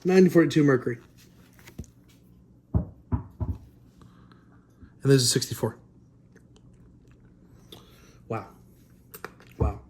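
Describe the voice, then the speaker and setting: A man's voice: mid-range voice, expressive, measured pace, long pauses, a little mellow, slight background noise. A man vlogging while sorting coins, talking to his viewers and stammering and repeating words in amazement. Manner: addresses viewers directly. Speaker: coin roll hunting vlogger.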